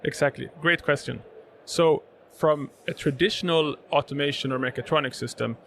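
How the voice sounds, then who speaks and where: This guest, a Swedish-born robotics sales manager whose mother tongue is Swedish, talks through robotics in a conversational interview in a live event podcast booth. His voice sits on the high side and is fairly bright with vocal fry, at a moderate pace, using many fillers and repeated words over a little hiss or hum.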